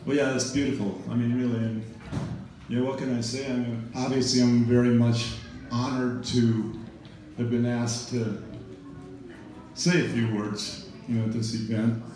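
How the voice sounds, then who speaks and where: Flat and dark in tone, a middle-aged man's mid-range voice moves at normal speed through a rambling memorial speech full of "you know" and wry humor. He's in a large event room, recorded from afar with heavy echo and slight hiss or hum.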